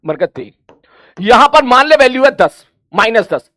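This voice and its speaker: A man's voice: very high voice, very animated, pushed and bright, no room sound. A man teaching a physics coaching class, chatty and familiar, voicing his students' questions and answering them himself. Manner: addresses students familiarly as brother and child; counts aloud slowly to explain.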